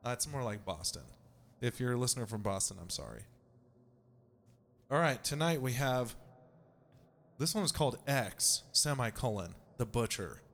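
A man's voice: medium pitch, animated, normal speed, long pauses, fairly bright tone. A young man hosting a podcast in a casual, joking way, swearing and laughing often. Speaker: podcast host.

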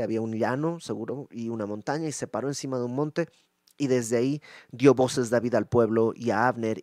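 A man preaching a Bible teaching sermon in a lively, conversational way. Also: medium pitch, dry recording, studio quality. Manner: lively, conversational, acts out scenes.

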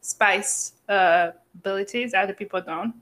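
A woman's voice: mid-range voice, measured pace, fairly bright tone. A young woman co-hosting a podcast in casual chat, rambling with fillers and restarts, a bit sick and coughing. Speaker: podcast co-host.

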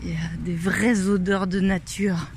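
A woman's voice: lowish voice, fairly even intonation, measured pace, creaky, slight background noise. A woman hosting a casual walking chat, playful and laughing often. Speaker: host. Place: outdoors in the countryside.

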